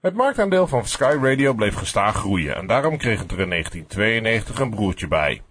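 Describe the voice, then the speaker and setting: A man narrating a scripted radio history documentary as a podcast, with a husky voice. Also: on the low side, sing-song, moderate pace, a bit bright, slight background noise.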